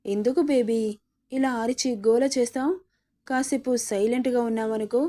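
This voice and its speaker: A woman's voice: fairly high pitch, dark tone, natural voice. Surya, a smug possessive kidnapper, read by a woman. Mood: sneering. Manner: sneering, coaxing. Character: possessive young male kidnapper, smug and menacing.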